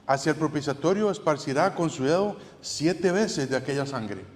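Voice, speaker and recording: Male pastor, slightly high voice, casual sermon delivery, long church reverb. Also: expressive, normal speed. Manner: conversational preaching, many restarts and tag questions. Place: church sanctuary.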